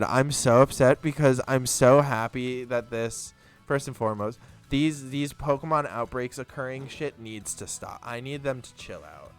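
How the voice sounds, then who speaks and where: A man's voice: mid-range voice, clear, resonant tone. A young man streaming a game, chatting casually and rambling through a story while swearing freely. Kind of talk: casual chat while gaming.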